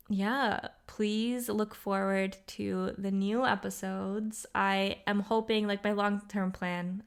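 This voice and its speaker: A young woman talks through her solo podcast in a smooth, clear voice at a middle pitch. She rambles in an upbeat way, full of fillers and restarts, and she sounds a little tired. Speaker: podcast host. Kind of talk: casual solo podcast monologue.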